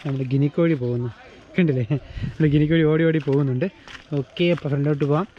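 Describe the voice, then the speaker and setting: Outdoors in heavy rain, a Kerala vlogger chats quickly in a slightly high, steady voice while touring his backyard aviary, addressing birds and helpers despite a throat sore from loud talking. The sound is lo-fi, with rain and birdsong behind him.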